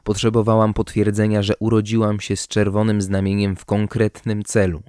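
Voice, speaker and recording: A man narrating an audiobook story in a calm, measured way. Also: on the low side, clean tone, no echo, clean studio sound.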